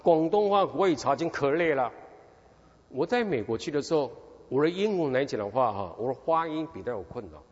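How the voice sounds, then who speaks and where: A man's voice: fairly high pitch, a little fast. A middle-aged man from Taiwan, preaching a sermon through a personal story and asking his listeners question after question. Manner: animated storytelling, constant rhetorical questions. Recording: dull recording in a reverberant hall.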